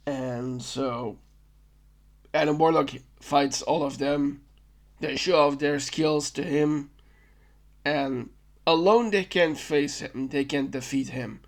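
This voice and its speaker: Man, podcast host, slow talker, fairly high voice, rambling movie recap, self-correcting.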